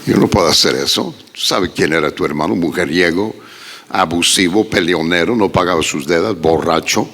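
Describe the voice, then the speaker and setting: A man voicing a blunt pastor who firmly refuses, in a low, grave tone. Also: normal speed, fairly bright tone. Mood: stern. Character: stern blunt male pastor refusing a request. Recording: long reverb of a large hall.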